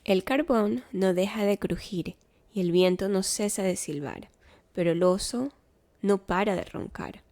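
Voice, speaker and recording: Slow gravelly woman reading to kids. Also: mid-range voice. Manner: slow, gentle rhythmic reading. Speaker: storybook reader. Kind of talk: children's story read-aloud.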